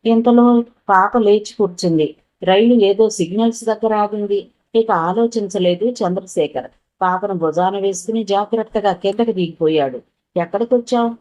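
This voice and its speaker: A woman's voice: mid-range voice, normal speed, darkish tone, rough recording. Woman narrating a novel.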